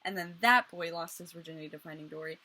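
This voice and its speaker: Blunt, bright-voiced young woman. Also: fairly low pitch, fast. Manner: blunt, crude, self-mocking. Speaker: vlogger. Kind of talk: casual life-story narration.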